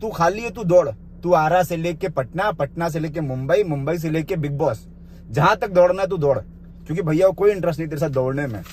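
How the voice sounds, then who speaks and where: Speaking a little fast in a fairly high, slightly mellow voice, a vlogger responds to a rival's live video with a confrontational rant to camera. He takes the points one by one and bluntly scolds the man, calling him the informal "you," over a little hiss or hum.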